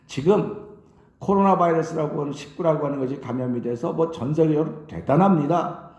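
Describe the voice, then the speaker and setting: A man preaching a Korean early-morning sermon as pastor, animated and acting out dialogue with God. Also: on the high side. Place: church sanctuary. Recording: echoey sanctuary recording.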